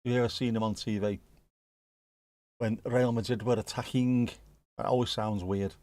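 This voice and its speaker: A Liverpool man with a Scouse accent hosts a livestream, chatting casually with viewers, joking and swearing now and then as he reacts to the live chat. His voice is lowish and a little mellow, with a steady tone and moderate pace. The recording is dry.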